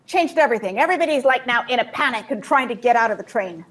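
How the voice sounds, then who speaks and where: A woman telling a personal story in short, vivid bursts and pausing for an interpreter. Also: a little high, lively intonation, fairly bright tone. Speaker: guest speaker. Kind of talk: personal testimony with live interpreter.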